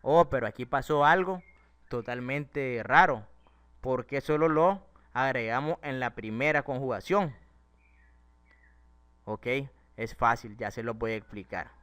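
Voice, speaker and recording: Speaking a little slowly in a smooth, mid-range voice with a fairly bright tone, this male English teacher, a native Spanish speaker, breaks grammar down step by step. He keeps asking his class rhetorical questions along the way.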